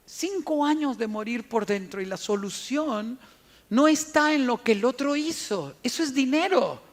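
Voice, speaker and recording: A man giving a sermon-style talk on family and forgiveness, an animated storyteller who repeats words for emphasis. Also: extremely high pitch, a little slow. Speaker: family counselor and speaker.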